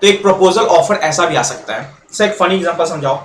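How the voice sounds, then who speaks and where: A man with a high-pitched voice teaches a lecture, acting out small examples as he goes. He switches easily between everyday talk and English terms. The recording is echoey, with faint noise behind. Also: animated. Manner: explains with quick role-played examples, mixing Hindi and English. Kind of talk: classroom-style lecture.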